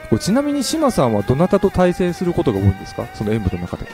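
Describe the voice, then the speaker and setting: A male radio host chats through an interview at a very quick pace. His pitch moves in a lively way and his manner is polite and responsive, with faint music behind him. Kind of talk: casual chatty interview.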